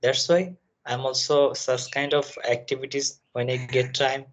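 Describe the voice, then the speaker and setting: A man from Bangladesh, a nursing student, speaking haltingly and searching for words in a conversation practice call. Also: medium pitch, steady tone. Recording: dull lo-fi sound.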